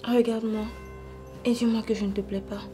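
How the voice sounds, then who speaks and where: A woman with a Cameroonian French accent playing a scheming cousin who softly tries to seduce a married man. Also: on the high side, level tone, fairly quick, faint music behind, lightly acted. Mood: seductive. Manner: soft, coaxing, seductive.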